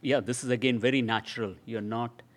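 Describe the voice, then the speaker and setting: A man joins a panel discussion to explain technical matters, searching for words, repeating himself and restarting his sentences as he goes. His voice is mid-pitched and plain. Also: steady tone, fairly quick. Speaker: engineering guest.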